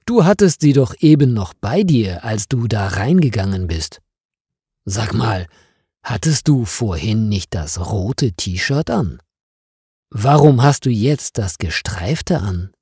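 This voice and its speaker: A man's voice: mid-range voice, expressive, slow, warm tone, slightly rough, dry recording, clean studio sound, full character voice. A man reading a story voices a confused husband, asking surprised questions in a slightly raised voice. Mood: baffled. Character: baffled husband, calm but confused.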